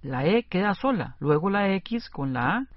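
A man's voice: high-pitched, very animated, normal speed, no echo. A man on a scripted educational radio show, explaining spelling rules step by step. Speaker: co-host playing the student. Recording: dry, lo-fi radio recording.

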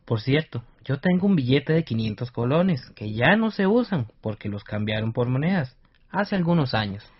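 A man's voice: medium pitch, very animated, normal speed, slightly rough, lo-fi sound. A man with a Costa Rican accent presenting a scripted radio lesson as a teacher.

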